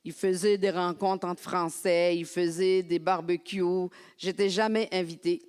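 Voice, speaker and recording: A woman from France preaching a lively, conversational sermon as a pastor in a church. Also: lowish voice, unhurried, clean tone. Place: church sanctuary. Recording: long hall reverb.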